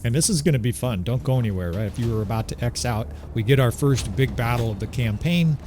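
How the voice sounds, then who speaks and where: A man's voice: medium pitch, lively intonation, quick pace, over music. Chatty man commentating gameplay. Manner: chatty, enthusiastic, keeps asking "right?". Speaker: gaming commentator.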